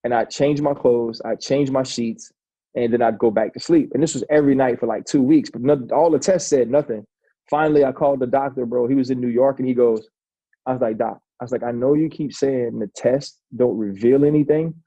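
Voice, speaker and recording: A man's voice: medium pitch, fairly even intonation, brisk, mellow, dry recording. A man in his forties, a former football player, telling a long personal story in a casual interview, talking loosely with many restarts and calling the host "bro".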